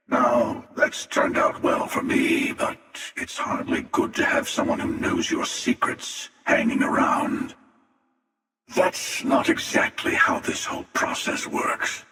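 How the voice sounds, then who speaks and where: Echo-drenched, gravelly hunter villain. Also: male voice, medium pitch, pushed and bright, exaggerated voice. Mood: cold menace, then wry, knowing. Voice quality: gravelly, breathy rasp. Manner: slow, sardonic, world-weary drawl. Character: cynical, menacing older multiverse-hopping hunter villain. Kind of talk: video game voice acting. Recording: long echoing reverb, distant from mic.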